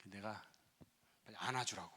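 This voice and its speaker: A middle-aged male pastor telling a story in a sermon, animated, acting out dialogue and scolding. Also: fairly low pitch, normal speed, slight background noise.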